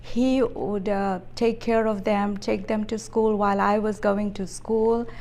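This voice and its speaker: A woman in her fifties from Fiji, an executive answering interview questions in a measured, thoughtful way with frequent hesitations. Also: medium pitch, level tone, a little mellow. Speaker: interview guest, business executive.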